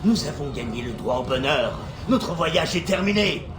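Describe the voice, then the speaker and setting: Boisterous, high-voiced Viking warrior, played by a male actor. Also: animated, moderate pace, close to an everyday voice. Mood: carefree. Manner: grand, swaggering, swings into shouts. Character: Sigurd, boisterous battle-hungry male Viking warrior, jubilant. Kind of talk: theatrical video game acting in French. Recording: roomy echo with music behind.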